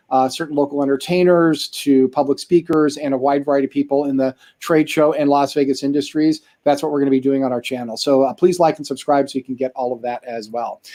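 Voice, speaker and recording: A man's voice: a little high, darkish tone. A man hosting a live-streamed interview show, talking casually in a chatty, rambling way with lots of fillers.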